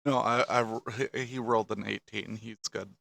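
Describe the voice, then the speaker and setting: A man narrating a tabletop game as dungeon master, halting and restarting often. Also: lowish voice, steady tone, gravelly, fairly bright tone, no room sound. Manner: halting, with many restarts and fillers.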